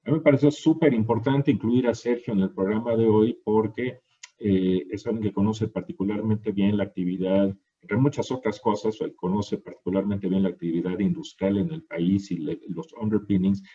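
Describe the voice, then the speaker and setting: A man's voice: lowish voice, fairly even intonation, normal speed, warm tone, husky. A man moderating an online industry webinar, hesitant and full of fillers, speaking over a video call. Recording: dull lo-fi call audio.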